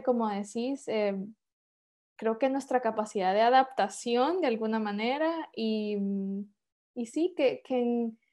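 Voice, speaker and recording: A woman's voice: fairly high pitch, mellow. A woman in her thirties with a Honduran accent, chatting as a podcast guest, with many fillers and restarts. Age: 30s. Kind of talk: casual interview chat.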